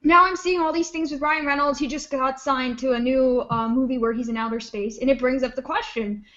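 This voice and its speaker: A young woman co-hosting a podcast in casual chat. Her voice sits high, and she talks in a quick, chatty way with plenty of jokes. The recording sounds dull and lo-fi. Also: steady tone, a bit bright. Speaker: podcast co-host.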